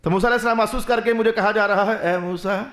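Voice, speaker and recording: A man's voice: sits high, fairly even intonation, fairly bright tone. Echoey preacher's voice, man with Pakistani accent. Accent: Pakistani Urdu. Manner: asks rhetorical questions, then answers them; repeats short parallel phrases. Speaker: Islamic preacher. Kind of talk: sermon.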